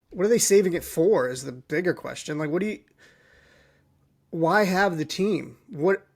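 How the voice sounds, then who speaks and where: A man's voice: a little high, gravelly. A podcast host, a man, ranting about sports in a frustrated, worked-up way and running out of breath.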